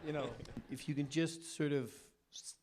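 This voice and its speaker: A man's voice: a little high, steady tone, moderate pace, very noisy. A man on a film panel telling candid, frank stories about acting and directing. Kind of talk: anecdotal panel talk. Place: cinema cafe panel.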